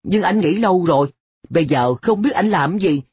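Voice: mid-range voice, lively intonation, normal speed, husky, muffled recording, pitched above the performer's own voice. A reader voicing a carefree, cheeky schoolboy who talks in an offhand, shrugging way in a story reading. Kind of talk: audiobook dialogue.

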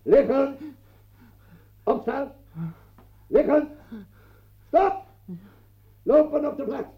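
A man playing a high, barking, domineering tormentor. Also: drawn-out words, heavily acted. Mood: barking drill. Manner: barking commands, mocking, relentless. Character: domineering male tormentor, barking drill orders. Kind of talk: radio play acting. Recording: dull lo-fi old radio recording.

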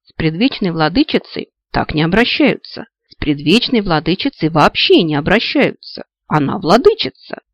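A man's voice: high voice, very animated, moderate pace, fairly bright tone, dry recording, muffled recording. Man narrating a fantasy audiobook.

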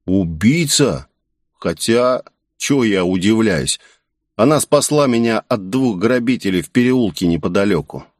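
Guy putting on a jumpy slangy young dude, higher and louder than the narrator, dry sound. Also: measured pace, dry recording. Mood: excited. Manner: excited, rambling street slang. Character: excitable young man, slangy wannabe gangster.

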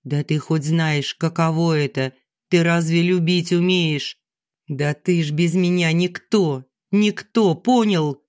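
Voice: medium pitch, slow pace, darkish tone, lightly acted. A narrator voicing an aggrieved middle-aged wife who complains shrilly and sarcastically through tears, in an audiobook. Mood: mocking. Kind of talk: audiobook character reading.

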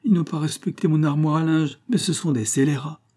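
A man's voice: a little high, a little fast, mellow, pitched above the performer's own voice, lightly acted. A man voicing an indignant older farmer's wife. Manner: indignant, exclaiming.

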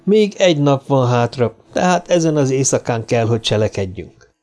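A man's voice: mid-range voice, lively intonation, a little mellow, close to an everyday voice. Jefferson Hope, a man voicing a resolute young frontiersman. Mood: urgent.

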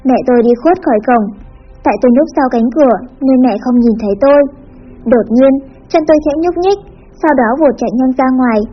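A woman reads a story aloud in an even, expressive style. Her voice is high, the recording sounds dull and lo-fi, and faint music plays in the background. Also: fast. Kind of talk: scripted narration of a teen story.

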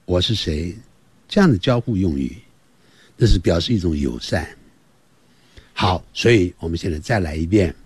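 A man giving a slow English lesson for parents and children, teacherly and lively, repeating words slowly to demonstrate them. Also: on the low side, slightly rough, no echo.

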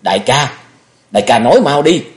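A man's voice: lowish voice, big pitch swings, moderate pace. A man voicing an anguished young male swordsman who pleads and cries out, in an audiobook reading. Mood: insistent. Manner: pleading, shouts in grief.

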